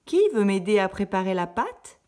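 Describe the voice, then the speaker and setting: Woman putting on a high little red hen. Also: sing-song, normal speed, close to an everyday voice. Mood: determined. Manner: high, bright, emphatic exclamations. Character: busy, hardworking little red hen, female. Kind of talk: storybook reading.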